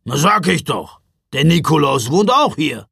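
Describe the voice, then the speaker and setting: A man voicing a gruff, shaggy old man who grumbles but is kind underneath, in a children's audiobook. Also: on the high side, very animated, unhurried, fairly bright tone, no room sound, clean studio sound, full character voice. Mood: blustering. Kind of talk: audiobook character voice.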